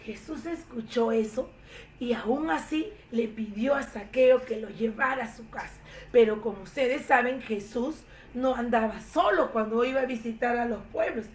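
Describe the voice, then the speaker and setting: A woman telling a Bible story to children in an expressive, animated way. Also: fairly high pitch, normal speed, distant mic. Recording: echoey room, faint noise.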